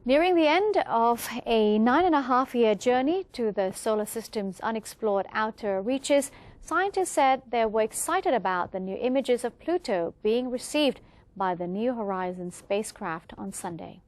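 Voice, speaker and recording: A woman's voice: on the high side, lively intonation, normal speed, a little mellow. A woman with a Thai accent presenting a news bulletin, reading from a script.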